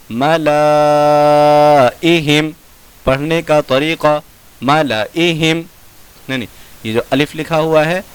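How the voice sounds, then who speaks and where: A man teaching Quranic spelling in a slow classroom lesson, drawing out each recited word in a chant and then explaining quickly in a lower voice. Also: clean tone. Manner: drawn-out chanted recitation of words between quick low explanations.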